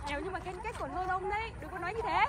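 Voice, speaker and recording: A woman voicing a very high, defiant young woman. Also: rapid-fire. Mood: indignant. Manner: indignant, scolding, defiant. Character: young woman defending her poor lover. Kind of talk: fan audio drama acting. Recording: very noisy homemade recording.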